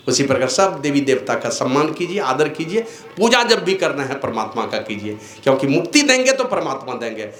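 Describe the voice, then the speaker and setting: An older man, a spiritual teacher, gives a devotional discourse, swinging between raised exhortation and low, slow asides. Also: a bit bright, roomy sound.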